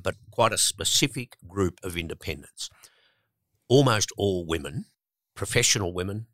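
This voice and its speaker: Male guest, very low voice, emphatic, dry studio sound. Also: sharp tone, dry recording. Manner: emphatic, rising to indignant stresses, some repeated words. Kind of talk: conversational political commentary.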